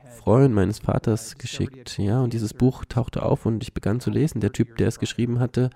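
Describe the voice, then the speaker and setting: Earnest male storyteller, gravelly and very dark, personal testimony. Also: mid-range voice, fairly even intonation, moderate pace. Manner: earnest, frequent filler "ja". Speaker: cancer survivor sharing his story.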